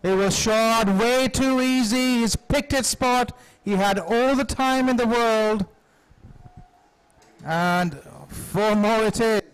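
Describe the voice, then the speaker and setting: A man doing live cricket commentary, exclaiming in amazement and excitement as the action unfolds. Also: extremely high pitch, takes it slowly, clear, resonant tone, low-quality recording.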